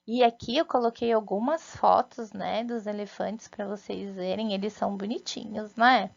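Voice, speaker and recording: A woman's voice: medium pitch, vocal fry, lo-fi sound. A Brazilian woman, a first-grade teacher, gives a recorded lesson to young children in a patient, sing-song way, often checking in with "né?" and "tá?". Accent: Brazilian Portuguese.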